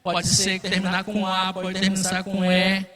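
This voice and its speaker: A man's voice: high voice, monotone, moderate pace, long reverb tail, a crowd in the background. A man teaching a Bible study class, explaining patiently and checking in often with his listeners. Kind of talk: classroom lecture.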